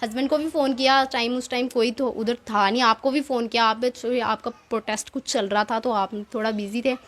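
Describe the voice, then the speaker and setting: A woman recounts events in a casual interview, acting out what each person said. Her voice sits high. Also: fairly quick. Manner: animated retelling, acts out quoted exchanges. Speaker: interviewee, theft eyewitness. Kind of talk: casual spoken account.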